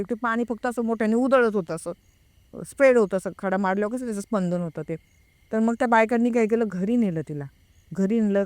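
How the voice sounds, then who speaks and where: A woman tells a first-person story in a smooth, clear voice with a dry, close sound. She talks casually, often stops to search her memory and acts out other people's words as she goes. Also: mid-range voice, no room sound. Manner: hesitant, pauses often to recall details; reenacts a friend's frightened words. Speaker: guest recounting a personal experience.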